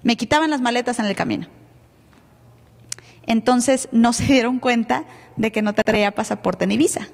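Woman, Mexican accent, pastor, sermon storytelling, high voice, reverberant church hall. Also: moderate pace, gravelly, pauses often. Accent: Mexican Spanish. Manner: animated storytelling, acting out dialogue. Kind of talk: sermon testimony. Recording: reverberant church live stream.

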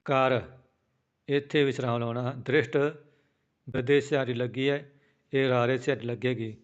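A man teaching pronunciation of a prayer, chanting verses slowly and then explaining the spelling in a quicker spoken voice, with a Punjabi accent. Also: medium pitch, steady tone, clear, resonant tone, lo-fi sound. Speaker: scripture recitation teacher. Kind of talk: pronunciation lesson with chanted recitation.

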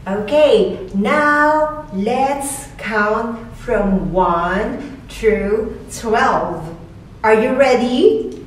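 A woman's voice: on the high side, expressive, drawn-out words. A woman teaching children like a kids show host, with simple, exaggerated delivery and encouraging praise. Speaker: children's English teacher hosting a lesson. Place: small indoor classroom by a whiteboard. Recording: echoey room, far from mic, noise.

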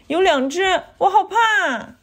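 A woman voicing a frightened little boy who speaks in a high, urgent, whiny way in a storybook reading. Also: expressive, slow, a bit bright, exaggerated voice.

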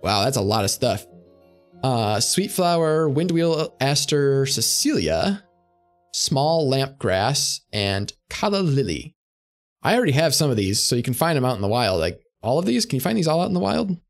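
A man's voice: medium pitch, very animated, moderate pace, soft background music. A young man streaming a game, rambling with sarcastic asides. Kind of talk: casual gameplay commentary.

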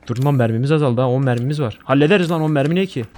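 A young man streaming a horror game, swearing a lot and jumping into loud panicked outbursts. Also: mid-range voice, fairly quick, slight background noise. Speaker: gaming streamer. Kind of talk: horror game let's play.

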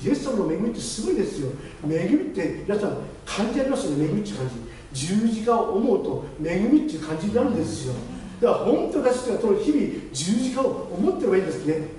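A man, the pastor, giving a lively testimony sermon and acting out the voices of the people in his story. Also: sits high, fast talker. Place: church chapel. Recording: very echoey hall, distant mic, faint noise.

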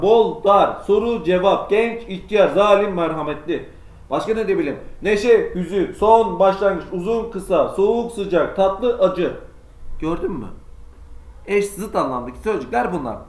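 Male teacher, slightly high voice, chatty online class, poses and answers his own questions. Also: reverberant. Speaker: Turkish teacher. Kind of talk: online lesson for sixth graders.

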